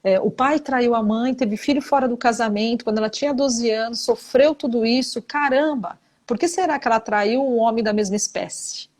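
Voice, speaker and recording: A middle-aged woman answers viewers' marriage questions in a live talk, fairly high-pitched and emphatic. She hammers her points home by repeating them, mixing counsel with faith. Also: moderate pace, hardly any pauses, a little mellow. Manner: emphatic, repeats key phrases, religious framing. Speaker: psychologist giving relationship advice.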